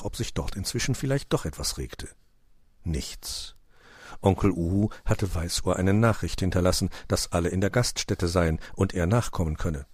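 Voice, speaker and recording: A man narrating a children's storybook in a calm, low-key way. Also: husky, dry recording.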